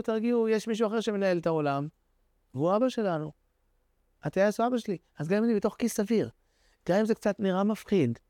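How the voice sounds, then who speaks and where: Animated high-voiced male preacher. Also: no room sound, studio quality. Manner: animated storyteller, swings between high excited and low soft phrases. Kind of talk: religious sermon with storytelling.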